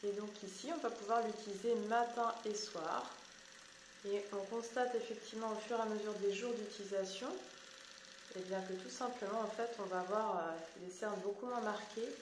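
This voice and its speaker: A woman's voice: medium pitch, steady tone, moderate pace, roomy sound, noisy background. A woman giving a product demonstration tutorial and explaining each step directly to the viewer. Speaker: beauty product seller.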